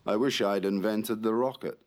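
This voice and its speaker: A man's voice: on the low side, steady tone, moderate pace. A man narrating in an arch, mock-critical commentary style. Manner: arch and mocking.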